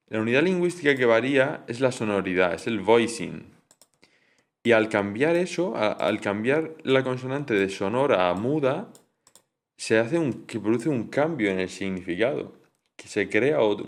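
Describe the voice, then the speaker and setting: Hesitant young man explaining linguistics. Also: fairly low pitch. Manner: hesitant, frequent fillers and restarts, mixes English terms. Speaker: student explaining coursework. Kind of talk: informal study explanation.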